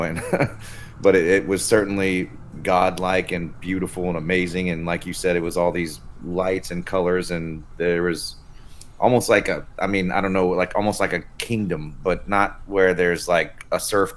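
A man with a very low voice hosts a podcast in a relaxed, casual manner. He swears easily and keeps calling his guest "man". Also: a little hiss or hum. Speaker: podcast host. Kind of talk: casual conversation.

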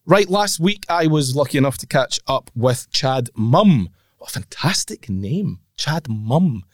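A man's voice: medium pitch, animated, measured pace, no room sound, studio quality. A Scottish man hosting a casual golf podcast, with a nasal voice from a blocked nose. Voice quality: nasal, congested. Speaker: podcast host.

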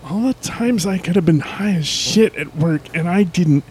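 A man doing a snappish young woman with a foul mouth, her voice pitched well above his own and pushed loud. She sounds constantly fed up. Faint room noise lingers behind her. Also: big pitch swings, takes it slowly. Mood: exasperated. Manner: exasperated, swearing. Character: impatient young woman, crude and irritable.

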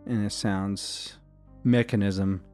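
A man serving as game master, narrating scenes of a tabletop role-playing game in a slow, measured way. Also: on the low side, steady tone, darkish tone, faint music behind.

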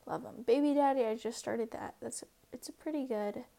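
A young woman from the United States hosting her first casual solo podcast, rambling and self-deprecating, sometimes dropping to a soft near-whisper. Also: on the high side, normal speed, creaky, rough recording. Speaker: podcast host.

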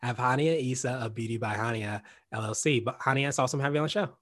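A man's voice: mid-range voice, racing, a bit bright. A man hosting a business podcast, upbeat and chatty, often repeating words and restarting phrases as he speaks. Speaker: podcast host. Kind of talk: podcast interview.

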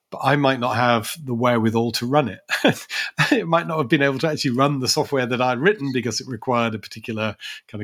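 A man's voice: medium pitch, fairly bright tone. Thoughtful man discussing tech. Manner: thoughtful, many restarts and asides. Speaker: podcast co-host. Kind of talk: conversational policy discussion.

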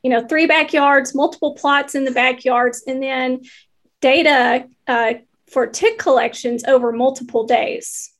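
A high-pitched woman speaks with a Georgia Southern accent. She talks as a panelist, casually explaining research and bantering with colleagues. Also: a little slow, fairly bright tone.

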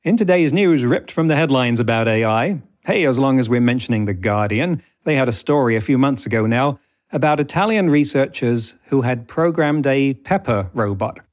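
A man's voice: mid-range voice, lively intonation, normal speed. A man hosting a podcast, reading scripted narration with a wry, dry humour. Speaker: podcast host.

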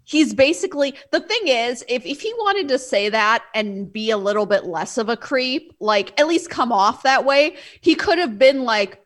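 A young woman in casual conversation about a movie, animated and often acting out characters' lines in exaggerated voices. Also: fairly high pitch, normal speed, hardly any pauses.

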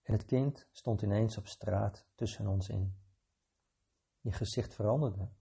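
A man reading a short story aloud in a calm, measured way, with a gravelly, husky voice. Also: fairly low pitch.

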